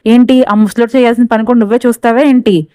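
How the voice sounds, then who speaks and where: A woman's voice: on the high side, fairly even intonation, fast, mellow, clean tone, no room sound, natural voice. A woman voicing a harsh, scornful male work supervisor who gives orders.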